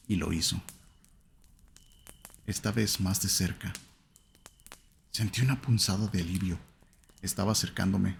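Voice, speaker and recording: A man narrating a first-person horror story in a slow, somber, suspenseful way. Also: deep voice, vocal fry, slight background noise.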